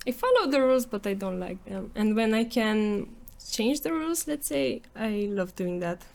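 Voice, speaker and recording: A woman's voice: fairly high pitch, expressive, moderate pace, creaky, a little mellow. A woman with a Romanian accent chatting casually as an interview guest, playful and joking, acting out little quotes. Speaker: podcast guest, software developer. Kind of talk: casual conversational interview answers.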